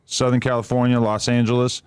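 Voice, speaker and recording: A man's voice: medium pitch, flat delivery, brisk, clear, resonant tone. A man hosting a podcast, asking questions in casual chat, teasing his guests. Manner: teasing, asks questions, laughs often. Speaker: podcast host.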